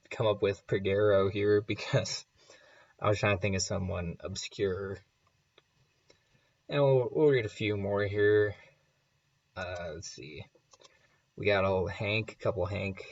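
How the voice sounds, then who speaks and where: A man with a lowish voice rambles loosely through viewer comments, chuckling as he goes. The audio has a low sample rate and sounds dull and muffled, like a makeshift remote setup. His chat is relaxed and unscripted. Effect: low sample rate, muffled low-quality audio. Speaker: channel host.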